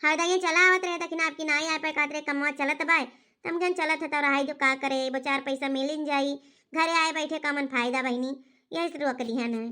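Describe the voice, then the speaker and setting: A woman's voice: fairly even intonation, moderate pace, bright, forceful tone. A woman with an Awadhi accent voicing chattering, comic village cartoon characters in rustic dialect. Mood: chatty. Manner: squeaky, bantering, rustic dialect. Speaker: cartoon voice artist.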